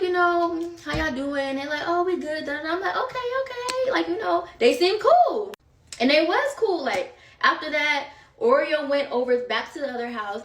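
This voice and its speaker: A woman's voice: on the high side, fairly bright tone, recorded from a distance. A young woman telling a trip story in casual, slangy storytime chat into her phone. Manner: chatty, slangy, lots of "like". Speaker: storytime vlogger. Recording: echoey room, voice set off from the phone mic.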